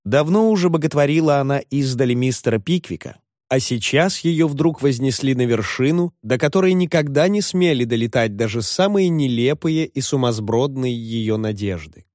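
A man reading a classic novel aloud in measured, expressive audiobook narration. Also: mid-range voice, no room sound, studio quality.

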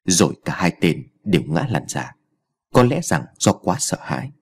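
Husky, expressive male storyteller. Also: deep voice, moderate pace. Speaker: audiobook narrator. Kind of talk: scripted story narration.

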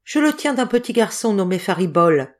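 A woman reading an audiobook, voicing a solemn female fortune-teller who speaks gravely and counts out cards slowly. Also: mid-range voice, big pitch swings. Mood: pleading.

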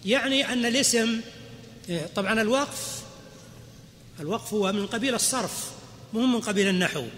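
A man teaching a grammar lesson, explaining step by step and quizzing the class with quick questions. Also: sits high, fairly bright tone. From Saudi Arabia. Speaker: sheikh teaching Arabic grammar. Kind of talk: classroom lecture. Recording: reverberant hall, faint background noise.

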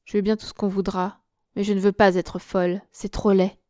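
A shaken young woman confined as a patient, her words halting and nervous, as a narrator reads her. Warm, mellow tone with a close, dry sound, told as a storybook. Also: mid-range voice, level tone, no echo, lightly acted. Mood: distressed.

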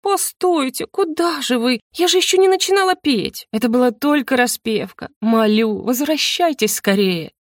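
A woman's voice: on the high side, big pitch swings, moderate pace, hardly any pauses, no room sound, studio quality. A woman voicing a cheeky, nosy ghost girl who drawls and mocks with theatrical flair. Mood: theatrical, pleading. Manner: mocking, drawling, theatrically plaintive.

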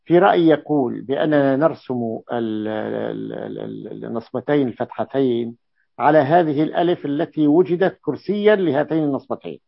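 A man's voice: mid-range voice, brisk, creaky, no echo. A man teaching a classical grammar lesson, repeating key terms and asking his students checking questions. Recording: dull lo-fi dry recording.

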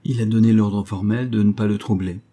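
A man reading aloud and voicing a stammering, deferential male servant in a strained, husky voice. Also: on the low side, steady tone, a little fast, mellow, lightly acted. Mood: flustered. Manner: stammering, flustered.

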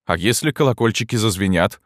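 A man's voice: fairly low pitch, lively intonation, a little fast, dry recording, studio quality, voice pushed up. Give me a man playing a fretful, wordy young poet, voice lifted and pleading. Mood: worried. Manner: pleading, nervous protests. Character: anxious talkative male poet, young.

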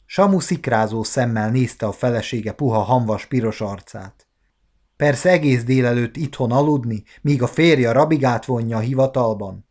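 A man in his forties narrating a classic novella as an audiobook, measured and expressive. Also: mid-range voice. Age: 40s. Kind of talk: scripted literary narration.

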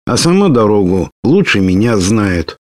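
A man voicing a lively, bold young woman warrior who talks brashly and teases. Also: fairly low pitch, measured pace, dry recording, clean studio sound. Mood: indignant. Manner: brash, teasing, excitable.

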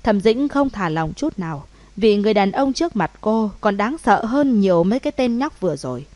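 A woman narrating a romance novel in a steady, measured audiobook reading. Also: mid-range voice, no echo. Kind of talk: scripted narration.

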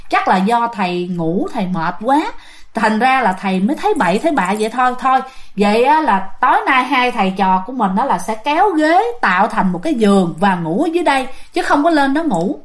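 Woman voicing a young apprentice, reassuring, urgent, higher voice. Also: very animated, fairly quick. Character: young apprentice calming his teacher.

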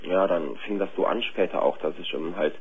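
A deep male voice comes through a thin, phone-like line with a faint hiss behind it. He calls in to a radio show and tells his story plainly, in halting phrases stuffed with fillers and street slang. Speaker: caller. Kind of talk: candid phone-in confession. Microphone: telephone line.

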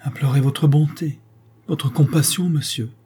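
A man's voice: medium pitch, moderate pace, dark tone, breathy edge, voice pushed up, natural voice. A man voicing a timid male ex-convict who begs in a trembling voice, in a read-aloud novel. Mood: pleading.

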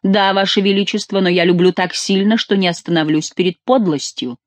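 An audiobook reader voicing a scheming, flattering nobleman count in a dramatic reading. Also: medium pitch, brisk, dry recording, pitched above the performer's own voice, lightly acted. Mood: threatening.

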